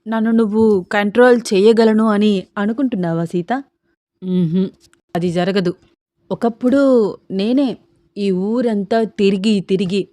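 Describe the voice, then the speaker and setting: A woman's voice: medium pitch, no room sound, clean studio sound, natural voice. Woman doing a bitter drunk young doctor. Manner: gruff, dismissive, shouting. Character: bitter heartbroken young male doctor, drinking.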